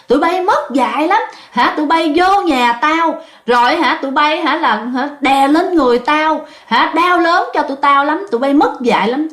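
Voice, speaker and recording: A woman telling a ghost story in a chatty, casual way, often speaking to her listeners. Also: high-pitched. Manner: chatty, addresses listeners often, many fillers. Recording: echoey room.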